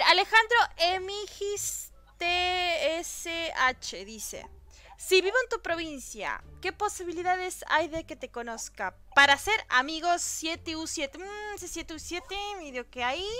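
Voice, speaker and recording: A young woman with a Santiago del Estero Argentine accent runs a casual fan Q&A for her gaming channel. Her voice sits high and sounds bright and lively. She chats in a giggly way and reads each question aloud before she answers it. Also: moderate pace, faint music behind. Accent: Santiago del Estero Argentine Spanish. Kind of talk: casual Q&A chat.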